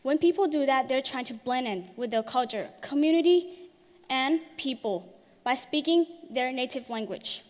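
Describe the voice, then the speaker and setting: A teenage girl from Thailand giving an earnest, prepared talk on stage, her phrasing a little halting. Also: sits high, darkish tone, long reverb tail. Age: teens. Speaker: youth speaker. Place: large hall.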